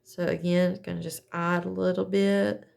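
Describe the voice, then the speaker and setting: A woman's voice: fairly low pitch, little pitch movement, normal speed, vocal fry, darkish tone. A woman chatting casually as she demonstrates a craft setup, talking in a folksy way and correcting herself as she goes. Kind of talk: casual how-to chat.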